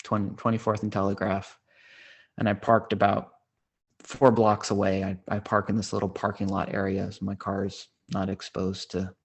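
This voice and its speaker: A man in his thirties, a podcast host, telling a personal story in a casual, unhurried way that gets animated when he quotes others. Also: fairly low pitch, breathy edge. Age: 30s.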